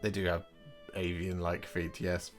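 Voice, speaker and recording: Man, host, low voice, casual hobby chat, relaxed and joking, faint music behind. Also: measured pace.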